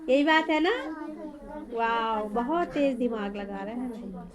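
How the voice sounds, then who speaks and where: High-voiced woman tutoring a small child. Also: takes it slowly, muffled recording, crowd noise. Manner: coaxing, repeats simple questions to a young pupil. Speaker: home tuition teacher.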